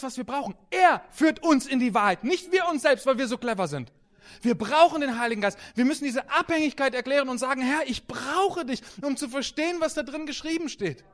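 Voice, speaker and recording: High-voiced animated preacher. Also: male voice. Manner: animated, swings between soft and loud, storytelling. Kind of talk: sermon with anecdotes.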